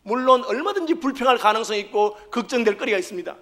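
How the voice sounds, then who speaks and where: A male pastor delivers a sermon. He speaks quickly and acts out quoted voices in an animated way. His voice is very high and bright.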